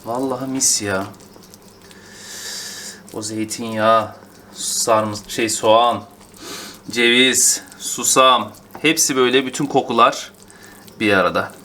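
A man filming a casual cooking vlog in his home kitchen, talking in a playful, excitable way. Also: mid-range voice, takes it slowly, pauses often, slight background noise. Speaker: cooking vlogger.

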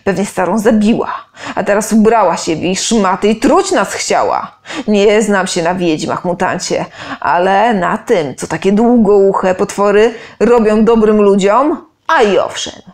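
A woman's voice: medium pitch, a little slow, lightly acted. A woman playing a jeering brutish ex-soldier. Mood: threatening. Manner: jeering, shouting, mocking. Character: brutal loud male ex-soldier rousing a mob.

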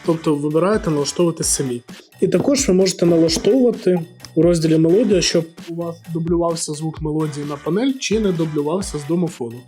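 A man with a fairly high, dark-toned voice and a quick pace gives a casual product review, explaining things walkthrough-style. Background music plays under his voice.

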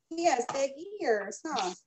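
A woman's voice: high voice, noisy background. A woman hosting a children's story time, chatting casually and praising the young reader as she echoes words back playfully. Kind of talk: casual chat during a children's read-aloud.

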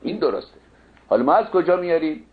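A man lecturing on classical poetry, chanting verses slowly and correcting the wording point by point. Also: fairly high pitch, expressive. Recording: narrow phone-like sound.

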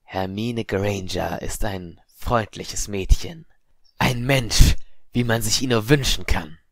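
A man putting on a cold, menacing voice that speaks from the shadows, hissing each word slowly and deliberately. It sits rather low, recorded close and dry in an audiobook reading. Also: no echo. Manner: slow, hissing, quietly threatening. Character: eerie unseen whispering voice, cold and menacing.

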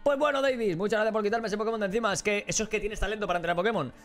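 A man voicing a friendly, talkative professor from a game, reading his lines briskly. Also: high voice, a bit bright, faint music behind, voice pushed up. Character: friendly older male Pokémon professor, talkative.

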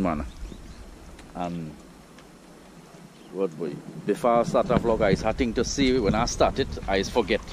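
A man's voice: on the low side, noisy background. Laid-back Trinidadian man on a kayak. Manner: easygoing, chatty, loose Caribbean patois. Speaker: fishing vlogger. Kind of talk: casual outdoor vlog. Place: outdoors on a kayak on open water.

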